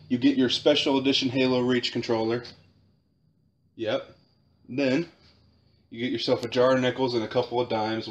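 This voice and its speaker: Young guy, dry joking delivery, running a spoof cooking tutorial from his kitchen. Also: mid-range voice. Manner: deadpan, mock-instructional. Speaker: home cooking video host. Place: home kitchen.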